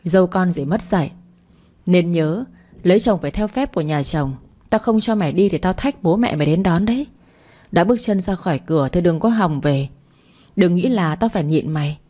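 A woman's voice: lively intonation, normal speed, warm tone. A woman doing a furious, scolding mother-in-law. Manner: shrill scolding tirade.

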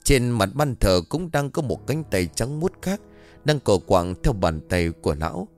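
A man's voice: medium pitch, big pitch swings, a little slow, darkish tone, soft background music. A man narrating a scripted horror story in a dramatic, vivid storytelling manner.

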